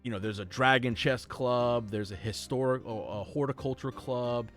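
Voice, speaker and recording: A man's voice: medium pitch, fairly even intonation, normal speed, a bit bright, soft background music. A man running a tabletop game as dungeon master, narrating in a loose, rambling way full of fillers.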